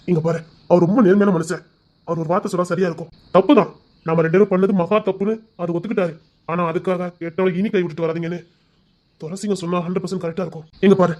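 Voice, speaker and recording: A man's voice: high voice, steady tone, very fast, darkish tone. A man playing a husband in an audio drama, earnest and emotional, on a dull lo-fi recording. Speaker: storyteller voicing the husband.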